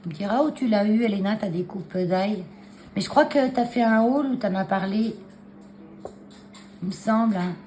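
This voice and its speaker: Talking casually to a phone camera on a taped stand, a woman at her desk shows her handmade cards. Her medium-pitched, dark-toned voice moves at a normal speed but pauses often, hesitant with many fillers and restarts, and she clears a frog in her throat amid a little hiss or hum.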